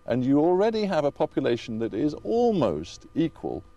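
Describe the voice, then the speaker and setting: A man conducting a confrontational television interview, probing and challenging with deliberate, emphatic phrasing. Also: a little high, huge pitch swings, mellow, highs cut off. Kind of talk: confrontational current affairs interview.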